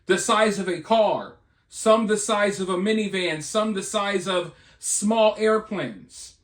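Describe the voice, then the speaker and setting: An American online video commentator takes things slowly in a notably high, fairly bright voice. He hosts informal news talk, speculating in a chatty, rhetorical way and checking in with his audience. There's clear echo from a roomy recording space.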